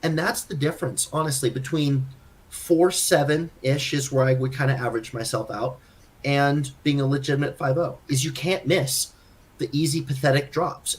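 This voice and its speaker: A man co-hosting a podcast, chatting casually and thinking aloud about his own game, self-critical and full of restarts. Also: a little high. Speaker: podcast co-host. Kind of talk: casual chat.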